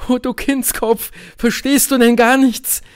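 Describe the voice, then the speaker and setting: A man's voice: very high voice, level tone, a little slow, clean tone, voice pushed up. A man reading an audiobook, voicing a troubled young woman who is bound by duty, pleading and tense. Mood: bitter.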